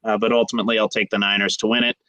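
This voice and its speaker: A man on a sports podcast talks through his picks in an easy, casual way. His delivery is relaxed and loose, with frequent "uh" fillers as he hedges. The voice sounds dry, with no room echo. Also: fairly low pitch, very fast, muffled recording. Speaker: podcast co-host.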